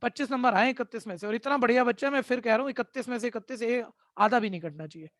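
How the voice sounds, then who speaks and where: In an online class, a male math tutor with a very high, fairly bright voice lectures sternly and scolds his students, talking quickly. He keeps asking "ठीक है?" to make sure they're following. The recording is studio quality with no echo.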